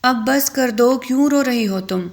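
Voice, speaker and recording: Lady reading a bossy young guy telling off his friend, stern, her voice stays kinda high. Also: level tone, a bit bright, natural voice. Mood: scolding. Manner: stern, scolding. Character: young man, blunt scolding friend.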